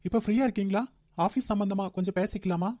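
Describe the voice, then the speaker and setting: A woman voicing a strict young male company manager in a cartoon, who talks in a brisk, lecturing way. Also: medium pitch, steady tone, warm tone, no echo, studio quality, lightly acted. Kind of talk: Tamil cartoon dub.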